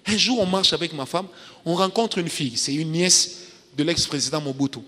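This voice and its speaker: A middle-aged man preaching a lively sermon to young adults, telling stories and breaking into loud, laughing bursts and sung snatches. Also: fairly high pitch, normal speed, big-room sound. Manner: animated, turns loud and laughing, sings snatches.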